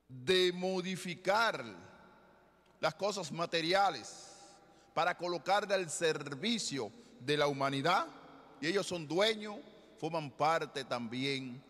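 A middle-aged man, a bishop from the Dominican Republic, preaching a sermon at the ambo with slow, deliberate phrasing and rhetorical questions. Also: fairly high pitch, fairly bright tone. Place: large basilica with congregation. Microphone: ambo microphone, far camera. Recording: long church reverb.

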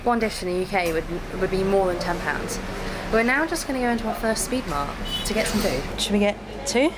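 A woman's voice: mid-range voice, lively intonation, fairly quick, reverberant, very noisy. Chatty British woman vlogging. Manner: chatty and enthusiastic, many fillers like "like". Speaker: travel vlogger. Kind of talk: casual travel vlog chat.

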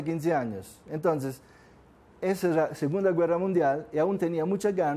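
A warm, slightly high voice belongs to an older southern Italian man, a native speaker, who is the speaker for a course. He talks informally to a class in a seminar, conversational throughout and frequently questioning the audience.

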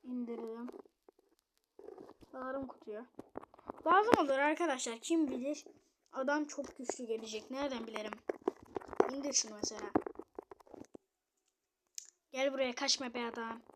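A young woman casually commenting on her gameplay, muttering to herself and then shouting at opponents. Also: sits high, normal speed, long pauses, very noisy. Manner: chatty, swings between muttering and loud outbursts at opponents. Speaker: gamer streamer.

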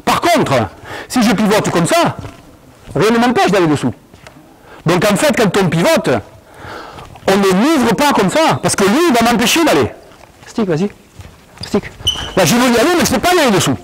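A man coaching a basketball drill in an indoor gym, calling out commands and explaining moves in an animated, commanding way. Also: high voice, moderate pace, long pauses, husky, low-quality recording. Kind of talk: on-court coaching demonstration.

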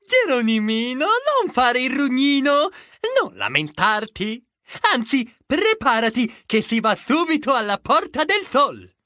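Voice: high-pitched, sing-song, a little slow, sharp tone, no echo, studio quality, exaggerated voice. An actor voicing a boastful, bumbling detective mouse who rhymes playfully and trails off mid-sentence.

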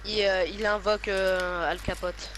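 Laid-back teasing gamer on a noisy mic. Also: male voice, high voice, level tone, unhurried, fairly bright tone. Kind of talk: casual gaming chat.

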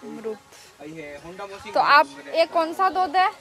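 A woman's voice: high voice, expressive, takes it slowly, music in the background. A young woman vlogging outdoors on a rainy hillside, talking to viewers through a phone camera held at arm's length. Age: young adult. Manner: chatty, addresses viewers directly. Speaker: travel vlogger. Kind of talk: casual travel vlog.

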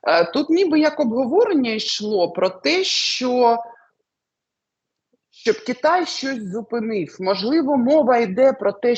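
A woman's voice: medium pitch, a little mellow, breathy edge, muffled recording. A woman tarot reader answering questions, hesitant with many fillers. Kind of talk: interview answers, fortune-telling.

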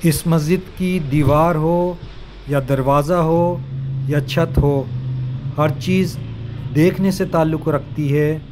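A man's voice: on the high side, fairly even intonation, slow pace, noisy background. Admiring man narrating a travel vlog. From Pakistan. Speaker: travel vlogger.

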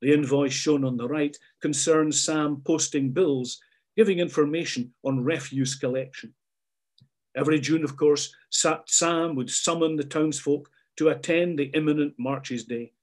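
A man's voice: fairly high pitch, steady tone, a little slow. A man reading a scripted documentary narration.

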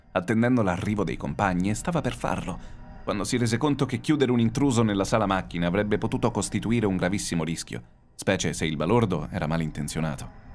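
A man narrating a horror audiobook in a dramatic, suspenseful way. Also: low-pitched. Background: faint background music.

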